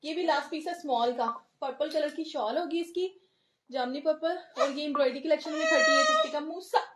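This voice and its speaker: A high, bright-pitched woman with a Pakistani Urdu accent runs a live online clothing sale. She rattles through sizes and prices in a brisk, chatty seller's patter, greeting viewers as she goes. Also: big pitch swings, very noisy. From Lahore, Pakistan. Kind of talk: live-stream sales patter.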